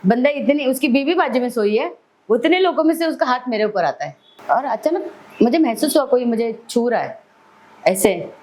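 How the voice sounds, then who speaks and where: Animated woman. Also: a little high, normal speed, low-quality recording. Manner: vivid, animated storytelling. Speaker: celebrity hair stylist, podcast guest. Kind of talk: personal storytelling in an interview.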